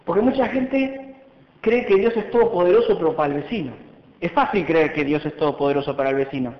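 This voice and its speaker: Animated Rioplatense preacher in a hall. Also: male voice, fairly high pitch, fast talker. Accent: Rioplatense Spanish. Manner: animated, conversational, acts out quotes. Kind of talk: sermon at a retreat. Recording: echoey hall, dull sound.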